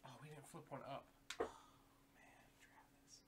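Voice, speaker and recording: A man's voice: medium pitch, little pitch movement, quick pace. A man chatting and joking casually while playing a board game with friends, laughing often. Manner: jokey, reads card text aloud, laughs often. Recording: noticeable background noise.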